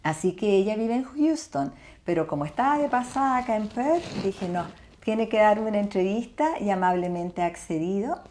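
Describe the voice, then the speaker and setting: A woman host with a mellow, darker voice leads the interview at a mid pitch. She welcomes her guest and asks about her life. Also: expressive, moderate pace, slight background noise. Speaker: host and novelist. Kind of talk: interview hosting.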